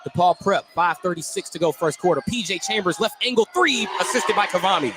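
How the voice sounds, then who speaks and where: Over a noisy indoor gym crowd, a man with a high voice calls live basketball play-by-play for radio, talking a little fast. He describes the action in running detail and corrects himself along the way, and the recording carries the noisy live gym ambience.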